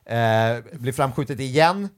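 Casual storyteller: a young man and stand-up comedian on a chat show, animated and funny, who keeps slipping into quick impressions of the people in his stories while his voice sits in an ordinary middle pitch. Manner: animated, acts out quoted voices.

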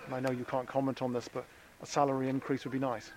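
A man's voice: medium pitch, monotone, fast talker. A man working as a radio reporter, doing an on-location interview outdoors. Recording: outdoor field recording with background noise. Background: outdoor ambience on a military range.

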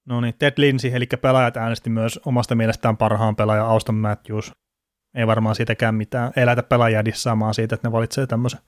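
A man's voice: medium pitch, little pitch movement, no echo, clean studio sound. A man hosting a casual sports podcast, chatty and rambling, laughing now and then. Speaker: podcast host.

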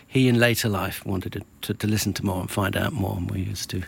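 A man with a slightly low voice hosts a relaxed interview. He often stumbles and repeats words as he gathers his thoughts. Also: brisk, creaky, slightly rough. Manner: hesitant, repeating words while thinking. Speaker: host. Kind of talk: casual interview.

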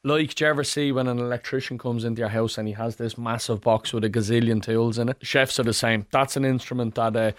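A man's voice: mid-range voice, fairly even intonation, fast talker, hardly any pauses, dry recording, studio quality. A man with an Irish accent co-hosting a podcast in casual, slangy, jokey chat. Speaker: podcast co-host, chef.

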